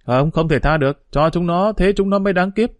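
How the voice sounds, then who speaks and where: A man's voice: medium pitch, lively intonation, fairly quick, a little mellow, dry recording, close to an everyday voice. A man doing a fierce, hot-tempered street boy. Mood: stern. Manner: threatening, stern, commanding. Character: tough protective young male street boy, hot-tempered.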